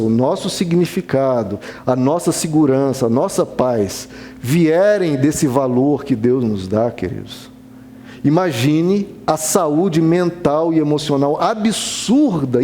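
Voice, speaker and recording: A man's voice: on the high side, mellow, a little hiss or hum. A man preaching a sermon as a pastor, earnest and conversational, acting out little dialogues.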